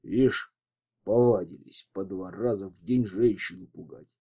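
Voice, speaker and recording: A man voicing a calm, confident detective who speaks with dry irony. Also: sits low, unhurried, slightly rough, pitched below the performer's own voice, exaggerated voice. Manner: calm, dryly ironic.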